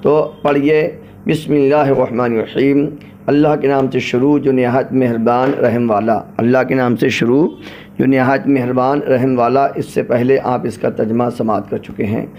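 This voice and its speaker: A man giving a patient religious lesson, explaining each phrase and drawing out recited verses slowly. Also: medium pitch, steady tone, a little mellow, a little hiss or hum. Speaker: religious teacher. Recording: dull lo-fi recording.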